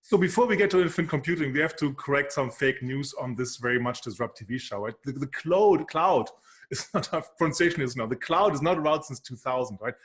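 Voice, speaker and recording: A man's voice: medium pitch, animated, fast, a bit bright. A man appearing as an analyst guest on a video call, playful and teasing, often tagging his points with "right?". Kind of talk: casual interview chat.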